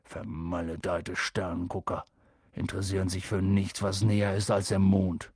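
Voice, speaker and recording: A man reading as a gruff giant gamekeeper, wary and short-tempered, his voice gravelly and husky. The reading is close and dry, with no room around it. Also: a little high, lively intonation, moderate pace, no echo, voice pushed up, heavily acted. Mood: grumbling. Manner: grumbling, then loud and pressing. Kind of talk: audiobook character voice.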